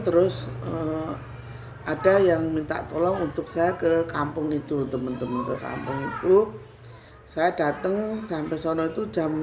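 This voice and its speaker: A Javanese-accented woman from Central Java narrates a frightening encounter in a casual vlog. Her voice sits fairly low, and she repeats words as she builds the story. A faint hiss runs underneath. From Central Java, Indonesia. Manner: animated, repetitive storytelling. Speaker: spiritual healer vlogger.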